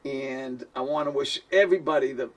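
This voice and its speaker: Speaking briskly in a mid-range voice, a musician and producer from Boston, USA, chats directly to camera in a strong Boston accent. He's casual and self-deprecating with frequent chuckles, and the audio is dull from a distant mic.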